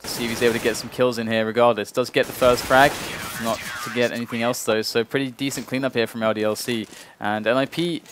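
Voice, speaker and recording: A man's voice: mid-range voice, flat delivery, fast, few pauses, noisy background. A man working as an esports caster, giving analytical, explanatory live commentary on a shooter match.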